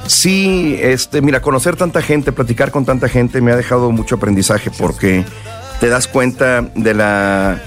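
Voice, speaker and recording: A man's voice: medium pitch, normal speed, soft background music. A man with a Mexican accent, a singer from the north of the country and South Texas, chatting as a guest in a casual interview, loose and slangy, hungover and tired. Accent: Mexican Spanish. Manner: relaxed, slangy, rambling with many restarts.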